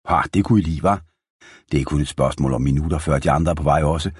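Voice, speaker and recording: A man voicing a rough male outlaw gang leader with a rusty voice, gloating and taunting. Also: very deep voice, no room sound, studio quality, exaggerated voice.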